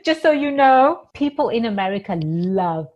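A woman's voice: fairly high pitch, sing-song, moderate pace, darkish tone, highs cut off. A woman hosting a podcast interview in a bubbly, jokey manner. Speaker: podcast host and attorney.

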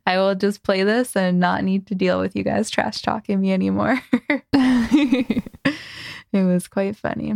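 Laughing animated woman podcast host. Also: medium pitch, unhurried, vocal fry, long pauses, dry recording, studio quality. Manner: animated, laughs often, acts out quotes. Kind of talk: casual chat.

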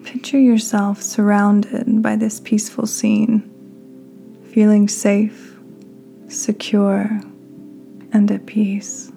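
A woman hosting a podcast, leading a guided meditation in a soft, half-whispered, soothing voice. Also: medium pitch, level tone, slow, gravelly, pauses often, faint music behind. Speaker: podcast host.

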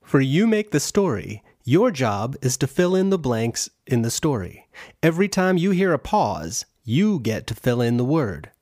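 An easygoing man co-hosting a children's show, patiently explaining how the game works. His mid-pitched voice moves freely up and down as he talks. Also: big pitch swings, moderate pace, darkish tone. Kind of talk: friendly kids' show presenting.

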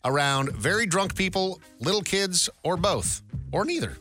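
A man's voice: high-pitched, sing-song, normal speed, sharp tone, soft background music. A male radio host running a light call-in guessing game with upbeat, joking banter. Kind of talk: casual radio game segment.

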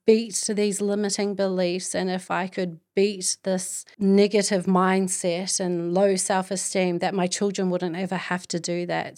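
A woman's voice: lowish voice, clean tone. A middle-aged woman with a Māori New Zealand accent, hosting a podcast as an earnest, encouraging motivational monologue. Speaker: podcast host.

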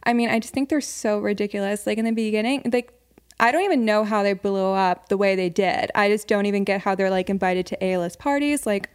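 A woman's voice: mid-range voice, a little fast, clear, resonant tone. Breezy young woman, says "like" constantly. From United States. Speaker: guest, satire writer. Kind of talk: casual interview chat.

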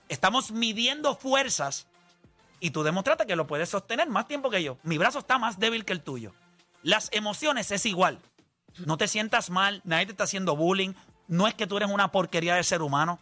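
A man's voice: sits high, bright, forceful tone. A man hosting a sports talk show, arguing his point through step-by-step examples in a casual chat. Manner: argumentative, explains with examples.

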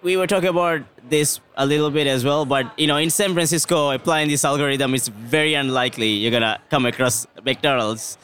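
A man who manages technology operations, answering interview questions in an earnest, steady way with fillers. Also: mid-range voice, fairly quick, hardly any pauses, clear, resonant tone.

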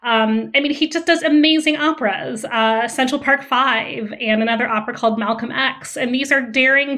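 A woman from Austria, a music scholar, talking as a guest in a casual podcast interview, animated and quick to laugh. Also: on the high side.

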